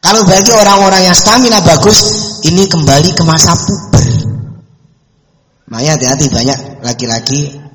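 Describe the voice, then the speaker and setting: Guy, middle-aged, chatty preacher telling stories, kinda high voice, roomy echo all over. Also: normal speed, long pauses, fairly bright tone, faint music behind. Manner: conversational and folksy, mixing in anecdotes. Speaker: preacher answering questions. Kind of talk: religious study talk. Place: mosque hall. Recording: echoey mosque hall reverb.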